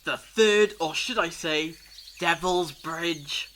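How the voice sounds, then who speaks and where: A man's voice: fairly high pitch, slow pace, pushed and bright, a little hiss or hum. A man playing a clever, theatrical, reassuring alien time traveller in a fan audio drama, explaining things eloquently. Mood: triumphant, grave.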